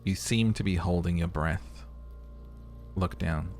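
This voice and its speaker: Over game music, a man narrates a video game playthrough with commentary and dramatic voice acting. His voice is low and a little mellow, and he takes things slowly.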